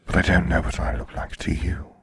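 A man voicing Death, a polite skeleton in a robe, in a soft, breathy whisper with an unhurried, dry manner. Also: low-pitched, flat delivery, dry recording, exaggerated voice. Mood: calm, wry. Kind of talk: audiobook character voice.

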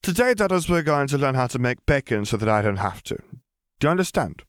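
A man voicing a sharp-tongued young witch girl who talks bluntly and bossily, in a storybook reading. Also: mid-range voice, big pitch swings, fast talker, dry recording, studio quality, pitched above the performer's own voice, natural voice. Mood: bossy. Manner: blunt, matter-of-fact, bossy.

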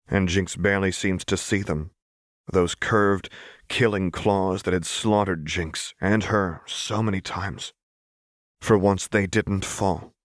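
A low-voiced man works as an audiobook narrator, reading dramatic fiction from a script. The recording is very dry, with no room sound at all.

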